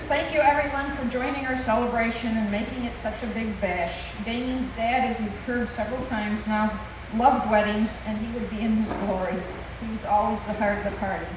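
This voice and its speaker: An older woman giving a composed, prepared wedding toast as the mother of the groom. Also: fairly high pitch. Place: large reverberant venue. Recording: echoey hall, distant, noisy.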